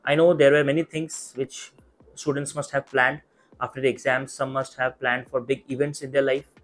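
A young adult man with an Indian accent giving earnest, measured and reassuring advice straight to camera. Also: mid-range voice, flat delivery, a bit bright, soft background music. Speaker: YouTube mentor for medical exam students. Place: small indoor study room. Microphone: clip-on lapel mic.

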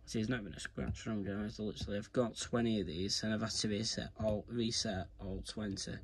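A man with a low, steady voice gives a fairly quick, casual tutorial while working hands-on, talking informally to viewers he calls "guys." Clear background noise and handling clicks fill the recording from his carpeted indoor room.

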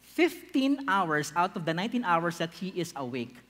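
A middle-aged Filipino man preaching from a stage, his voice sitting a little high and swinging widely in pitch. He talks in a teacherly way, asking the crowd questions, and the sound rings with the long reverb of a large hall. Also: normal speed. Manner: animated, gesturing, teacherly questions. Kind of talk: church talk, mixing English and Tagalog.

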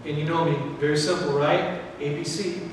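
A middle-aged man preaching a sermon in a church, animated, acting out what people think. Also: fairly high pitch, brisk, background noise. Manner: animated, gesturing while preaching, acts out quoted thoughts. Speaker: pastor. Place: church sanctuary, indoors. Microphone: far camera, no mic worn. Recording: echoey hall from far off.

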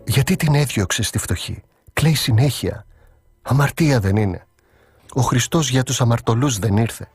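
A man's voice: on the low side, expressive, breathy edge. A man voicing a distressed village priest's wife in a devotional story, asking reproachful, pleading questions. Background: faint background music.

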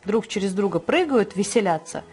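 A woman reading a children's bedtime fairy tale aloud and hosting the channel, slow, expressive and kindly. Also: mid-range voice, husky. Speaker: storyteller and channel host.

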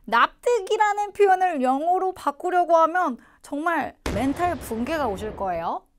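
Lively Korean woman teaching English. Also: extremely high pitch, a little hiss or hum. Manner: explains patiently, models English phrases slowly. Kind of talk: English lesson for Korean learners.

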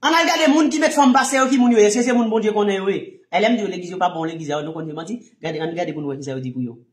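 A Haitian-accented man preaches a fiery sermon as a teaching minister, hurling rhetorical questions and moving between quiet murmurs and shouting. His delivery is rapid-fire, and the sound is reverberant.

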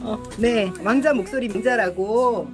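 A middle-aged woman hosting a live stream, chatting casually with viewers, laughing often and clearing her throat a lot. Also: on the high side, measured pace. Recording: music playing behind.

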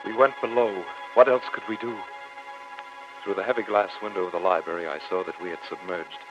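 A man's voice: deep voice, steady tone, fairly quick, loud music behind the voice, close to an everyday voice. A man playing a grave, observant professor who narrates his ordeal in an old radio drama with formal, dramatic description. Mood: grave, horrified. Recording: muffled old radio recording.

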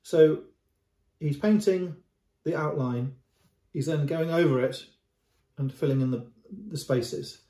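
Mellow-voiced man explaining a painting. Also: fairly high pitch, takes it slowly. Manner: unscripted, repeats words and restarts, gestures at the canvas. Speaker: antiques dealer. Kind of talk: casual video commentary on a painting. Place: indoor room at home. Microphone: camera at close range. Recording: roomy echo.

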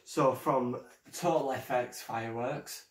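A man's voice: mid-range voice, takes it slowly. Man, hesitant vlogger, stumbling delivery, echoey room, mic a little far off. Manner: hesitant, stumbling first-timer. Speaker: fireworks vlogger. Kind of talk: casual show-and-tell vlog.

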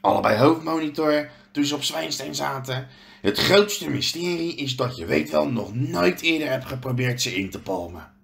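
Hagrid, a man voicing a gruff gentle giant. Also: medium pitch, animated, moderate pace. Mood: earnest. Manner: earnest, hesitant storytelling with restarts. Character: huge gruff kindly male half-giant gamekeeper. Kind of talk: reading a storybook aloud.

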